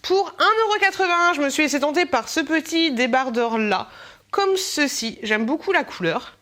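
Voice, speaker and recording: A woman's voice: high voice, expressive, moderate pace, pushed and bright. A young woman chatting casually as she shows a clothing haul. She rambles, laughs often and turns aside to talk to her baby. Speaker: mom vlogger showing a clothing haul.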